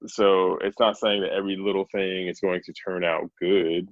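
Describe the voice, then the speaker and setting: A man with a low, gravelly voice hosts a podcast in a laid-back, chatty way. He laughs easily. The sound is dry and a bit dull. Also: level tone, normal speed, no room sound. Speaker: podcast host. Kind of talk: casual podcast chat.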